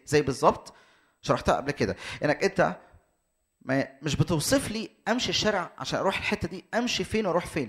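A man's voice: a little high, a bit bright. A man with an Egyptian Arabic accent preaching a teaching sermon, explaining step by step and restating his points to be precise.

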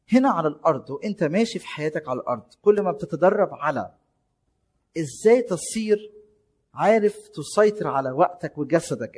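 A man's voice: a little high, breathy edge. A man preaching a sermon in an Egyptian Arabic accent, exhorting listeners with rhetorical questions and shifting emphasis.

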